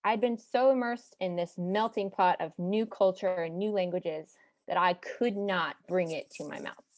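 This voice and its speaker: A woman's voice: lowish voice, moderate pace, a little mellow, no echo. Reflective woman storyteller, dry sound. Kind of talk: personal storytelling.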